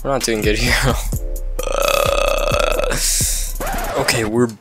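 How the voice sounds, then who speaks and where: This young man talks slowly in a steady, fairly bright mid-range voice while giving relaxed, self-mocking commentary on his gameplay. When things go wrong he yelps and laughs, with faint music in the background.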